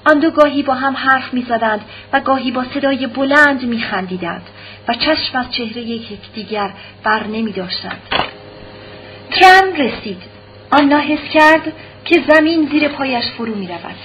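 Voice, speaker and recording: A woman reads a novel aloud in a measured, dramatic voice. Her voice sits fairly high. The recording sounds dull and lo-fi, like an old tape with a faint hiss underneath. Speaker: audiobook narrator. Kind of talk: literary audiobook narration.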